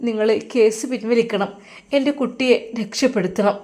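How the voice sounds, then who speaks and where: A tearful, pleading old father, voiced by a woman storyteller. He talks softly with a Malappuram Malayalam lilt, his voice low and worn from grief. This is a spoken storybook figure. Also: steady tone, a little fast, lightly acted. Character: grieving elderly father pleading for his son.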